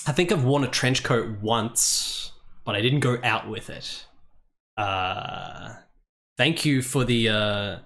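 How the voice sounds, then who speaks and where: A man's voice: medium pitch, slow pace, fairly bright tone. A man streaming a game, casual and joking with plenty of swearing, reading out donations. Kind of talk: casual live-stream commentary.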